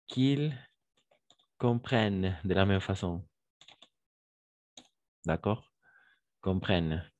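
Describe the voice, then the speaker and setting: Low, unhurried male language teacher, patient and encouraging, dry close mic. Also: darkish tone, no room sound, dull audio. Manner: patient, repeats forms slowly and praises students. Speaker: French teacher. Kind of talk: online French grammar lesson.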